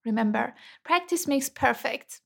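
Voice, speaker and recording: High-voiced teacher. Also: female voice, lively intonation, creaky, fairly bright tone. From Iran. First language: Persian. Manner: slow, careful model phrases for repetition. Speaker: English teacher and host. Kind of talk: scripted language lesson.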